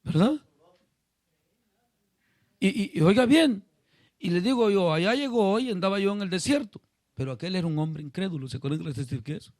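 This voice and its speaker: A pastor preaching a sermon to a small congregation, calling on listeners by name and asking them questions. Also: male voice, sits high, expressive, a little fast, long pauses, a little mellow, no echo, studio quality. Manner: retells a story acting out voices.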